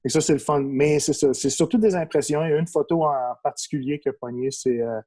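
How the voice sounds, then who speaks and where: With a fairly high pitch and a brisk pace, a young adult man from Quebec chats on a podcast. He speaks English natively but has a Québécois accent. A toy photographer by trade, he keeps things casual and relaxed, leaning on fillers and frequently restarting.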